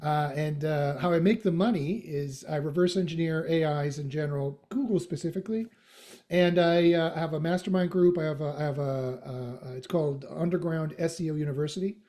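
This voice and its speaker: In a relaxed interview on a podcast, a middle-aged man from Western Canada talks with a slight Canadian accent, lots of fillers, restarts and joking asides. His voice is fairly high and fairly quick, with a warm tone.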